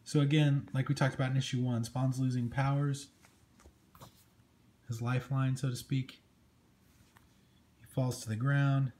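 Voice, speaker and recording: This male host reviews comics casually and with enthusiasm, though his medium-pitched, darkish voice comes out flat and unhurried, with long pauses. It's a clearly noisy amateur recording with room sound.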